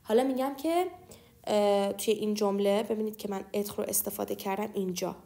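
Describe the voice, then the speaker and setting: A young woman teaching French grammar. She explains patiently and slows down to spell out example phrases. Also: medium pitch, vocal fry, mellow. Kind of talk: explaining lesson.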